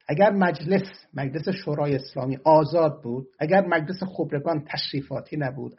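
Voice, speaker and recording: A man's voice: fairly high pitch, gravelly, breathy edge, lo-fi sound. A man giving argumentative political commentary and answering audience questions, often turning heated and emphatic.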